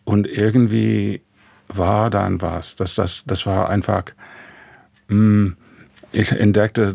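A man with an American accent, a composer speaking German as a second language, answering in a halting, reflective way with many fillers. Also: low voice, gravelly, a little mellow, no echo. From USA. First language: English. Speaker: composer guest. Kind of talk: reflective radio interview answers.

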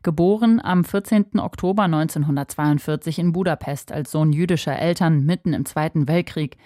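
A woman's voice: low-pitched, a little fast, dark tone, dry recording, studio quality. A woman reporter reading a scripted obituary narration. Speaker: radio reporter.

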